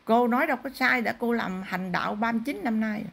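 A woman's voice: on the high side, quick pace, vocal fry, heavy background noise. A middle-aged woman, a spirit medium, lecturing a client firmly. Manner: firm, lecturing. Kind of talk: counselling a client in a spirit ritual.

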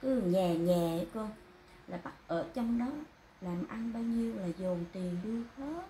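A woman's voice: medium pitch, a little slow. A woman, a client, pleading deferentially with a medium. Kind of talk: pleading conversation. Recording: echoey room with loud noise.

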